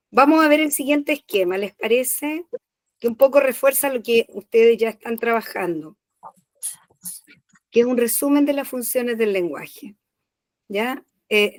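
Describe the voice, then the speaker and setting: A female teacher with a higher-pitched voice patiently explains a lesson during an online class, recorded with no echo. After each point she checks in by asking "¿ya?"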